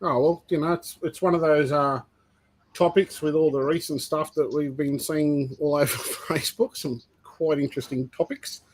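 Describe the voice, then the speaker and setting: A man's voice: fairly high pitch, steady tone, normal speed, rough recording. A man co-hosting a reptile livestream, telling stories in a rambling, filler-heavy casual way. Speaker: co-host of a reptile breeding livestream. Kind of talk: casual chat.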